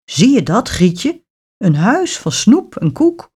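A woman's voice: mid-range voice, big pitch swings, slow, a little mellow, slightly rough, heavily acted. A woman voicing a plucky young boy in a fairy tale, eager and exclaiming.

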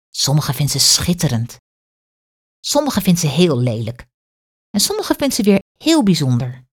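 A woman, reading a children's story aloud expressively. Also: deep voice. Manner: clear, expressive read-aloud.

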